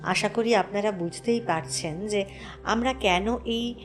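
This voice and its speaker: A woman hosts a devotional storytelling talk. She narrates an old spiritual tale at a steady, moderate pitch, stopping to comment. Faint music plays behind her. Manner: retells a story slowly and affirms with soft hums. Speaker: host.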